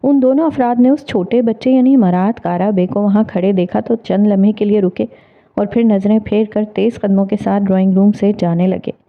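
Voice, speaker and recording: Woman narrating a dramatic novel, tinny sound. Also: mid-range voice. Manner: measured, expressive storytelling. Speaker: audiobook narrator. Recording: tinny phone-like audio.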